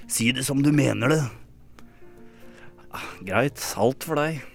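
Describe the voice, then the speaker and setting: A man co-hosting a radio comedy show, reading a saucy short story aloud in a dry, deadpan way. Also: medium pitch, gravelly, faint music behind. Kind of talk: comic dramatic reading.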